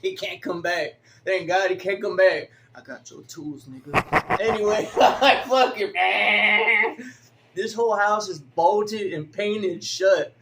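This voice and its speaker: Man, early forties, vlogger talking to camera, loose profane delivery, breaks into laughter, slightly higher voice, faint background hum. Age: 40s. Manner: profane, laughs often, animated storytelling. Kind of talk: rambling casual monologue.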